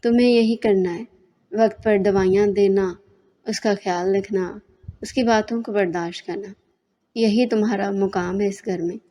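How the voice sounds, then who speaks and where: A woman voicing a stern older mother-in-law who gives orders with little softness. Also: medium pitch, fairly even intonation, moderate pace, natural voice. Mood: commanding.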